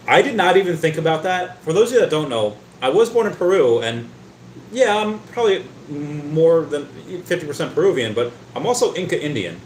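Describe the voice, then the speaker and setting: A medium-pitched man rambles chattily on his casual livestream, reading comments and tripping over his words, often repeating them. A slight hiss or hum runs through an echoey room sound.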